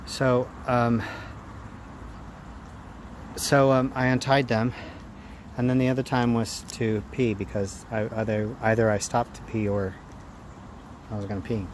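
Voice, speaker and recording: A man talking casually and reflectively to a handheld phone in a rambling vlog, in halting phrases. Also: medium pitch, level tone. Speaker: running vlogger. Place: outdoors after a run. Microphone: handheld phone camera at arm's length. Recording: outdoor noise, traffic ambience.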